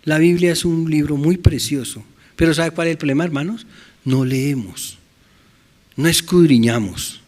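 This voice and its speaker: Bolivian pastor preaching, keeps asking the church questions, fairly high voice. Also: male voice, normal speed, darkish tone. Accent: Bolivian Spanish. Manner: asks the congregation questions, repeats "amen, brothers". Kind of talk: sermon.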